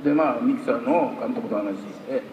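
A man's voice: fairly quick, lo-fi sound. A man talking casually on stage at a live talk event, telling stories in a chatty way. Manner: chatty, storytelling, lively pitch swings. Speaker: voice actor guest at a talk show. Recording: echoey hall, far from the mic, faint hiss.

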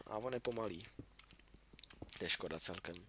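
A man's voice: on the low side, sharp tone, slight background noise. A young man casually commenting on his own game as he plays, talking to himself and yelping when startled. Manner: chatty, talks to himself, yelps in alarm. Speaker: gaming YouTuber. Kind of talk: casual let's-play commentary. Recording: clear keyboard clicking under voice. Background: keyboard and mouse clicks.

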